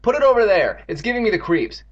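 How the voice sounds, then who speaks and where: A whiny, easily flustered preteen boy acted out by a man reading a storybook, with a raised pitch and a husky edge. He is impatient, sarcastic and quick to wail or exclaim. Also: big pitch swings, a bit bright, muffled recording, full character voice. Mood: agitated.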